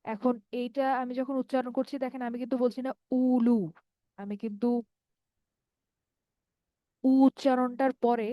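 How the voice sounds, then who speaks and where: A woman's voice: fairly high pitch, steady tone, normal speed, pauses often, mellow, dry recording. A woman from Bangladesh teaching an online Arabic grammar lesson, explaining patiently step by step and checking that students follow. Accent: Bangladeshi Bengali.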